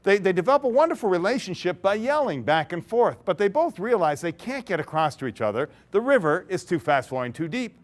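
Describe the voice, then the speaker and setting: A high-pitched male speaker with a bouncy, swooping delivery tells a story on stage to a conference crowd. He acts out the characters as he goes and breaks into laughter. His tone stays playful and engaging. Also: sing-song, a little fast, hardly any pauses. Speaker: keynote speaker. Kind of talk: interactive storytelling talk to an audience. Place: large conference hall.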